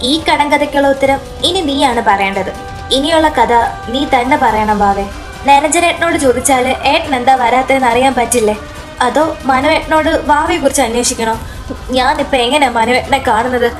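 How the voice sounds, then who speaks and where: Woman doing an eager young sister, loud and questioning. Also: high-pitched, close to an everyday voice. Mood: eager, urgent. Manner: excited, rapid questions. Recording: soft background music.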